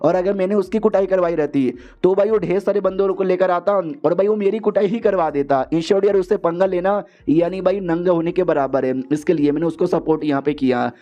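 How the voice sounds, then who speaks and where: A man's voice: high-pitched, fairly quick, few pauses, mellow, lightly acted. A man voicing an old, cowardly male official who rambles through anxious excuses, on a dull, lo-fi voiceover recording. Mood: fretful.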